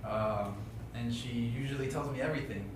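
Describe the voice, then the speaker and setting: A man acting student haltingly explaining his emotional preparation. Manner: hesitant, halting with fillers. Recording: distant, echoey room with loud rumble.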